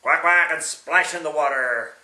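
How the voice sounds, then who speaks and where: A man's voice: on the high side, echoey room, a little hiss or hum. An older man, a great-grandfather, reading a picture book aloud to a small child and making the animal sounds. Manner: slow, lively storybook reading with animal sounds.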